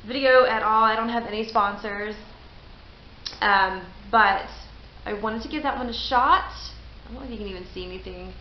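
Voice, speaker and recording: A middle-aged woman chats casually as a vlog host in a fairly high voice. She is indoors in a garage, and the sound is roomy and slightly dull, with faint noise behind her. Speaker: video host.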